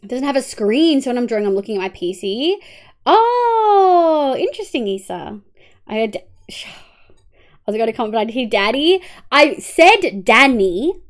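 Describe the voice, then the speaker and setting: A young Australian woman livestreams, chatting casually with viewers and guiding them through settings. Her high-pitched voice is congested and nasal, very animated yet measured in pace, and she talks to chat while humming to herself.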